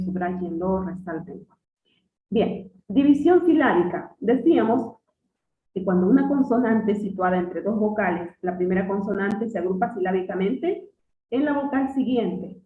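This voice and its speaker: A woman teacher giving a classroom lesson, patiently quizzing her students and repeating key words slowly. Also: medium pitch. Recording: distant echoey phone-like sound.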